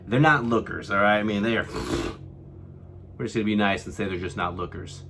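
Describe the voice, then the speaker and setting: A man's voice: fairly low pitch, a little fast, noisy background. A young man from California, telling a vlog story to camera and acting out what others said. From California, USA. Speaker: vlogger.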